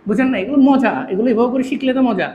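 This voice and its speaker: A man's voice: very high-pitched, very fast, highs cut off. A man teaching a math class, constantly quizzing his students with questions. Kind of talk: classroom lecture. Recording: echoey room, faint hum.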